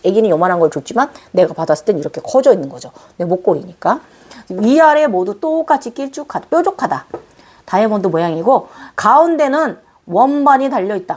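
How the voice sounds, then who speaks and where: A woman host telling viewers about a dream in a casual, animated way, cooing and exclaiming fondly as she explains. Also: lowish voice. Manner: explains with gestures and repeats phrases. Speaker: spiritual channel host.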